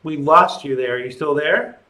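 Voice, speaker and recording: A man with a fairly high, forceful voice hosts a live call-in show, talking conversationally at a moderate pace and offering his opinions with a sardonic edge. The recording is rough.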